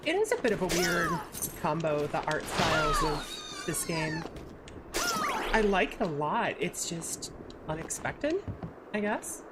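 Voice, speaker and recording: A woman's voice: fairly low pitch, huge pitch swings, unhurried, very noisy. A woman with an English accent giving casual, rambling live commentary while streaming a video game. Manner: rambling, reactive, exclaiming at the game. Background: game audio.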